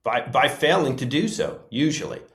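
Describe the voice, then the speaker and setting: A former paramedic reflects on stories from his career during an interview, often restarting sentences with "you know." His mid-range voice is gravelly, sing-song, and fairly bright, at normal speed, with a roomy echo around it.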